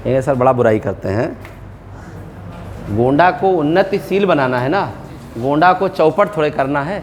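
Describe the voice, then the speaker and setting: A man with a high-pitched voice is teaching accounting to a class. He is middle-aged, mixes English terms into his explanations and keeps checking whether his students have followed. A faint noise runs under the recording. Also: lively intonation, normal speed. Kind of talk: classroom lecture.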